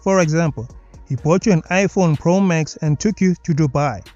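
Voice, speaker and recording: A South African man hosts a commentary video, tearing apart clips in a sarcastic, mocking tone. His voice is a bit high for a man and a little mellow, at a moderate pace. The recording is completely dry and slightly dull, with faint music underneath.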